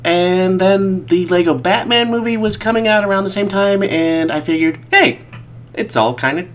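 A man's voice: high voice, moderate pace, a little hiss or hum. A man from the American Midwest hosting a casual podcast, stuffed up from a cold, rambling and correcting himself as he goes. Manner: rambling, animated, self-correcting. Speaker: podcast host.

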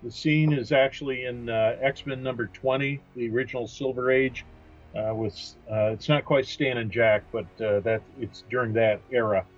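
A man's voice: medium pitch, steady tone, normal speed, dull audio, faint music behind. A man co-hosting a comics podcast, carefully recounting details with many fillers. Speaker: podcast co-host. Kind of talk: casual chat about comics.

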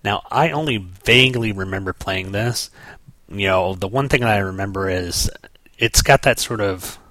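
A man's voice: on the low side, moderate pace, pushed and bright, no echo. A man hosting a podcast, reviewing a comic book page by page in casual commentary with wry, sarcastic asides.

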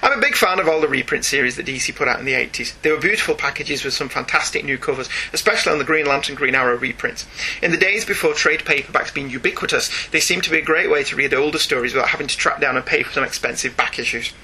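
A talkative, enthusiastic man co-hosts a podcast, chatting casually and reading listener emails aloud. His mid-range voice is quick and sharp-toned, though the audio quality is poor, with faint background noise.

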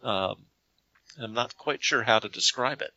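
A man's voice: medium pitch, a little slow, pushed and bright, no room sound, muffled recording. A man co-hosting a podcast, talking emphatically about an album and repeating himself as he builds a point. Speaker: podcast co-host. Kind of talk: casual album discussion.

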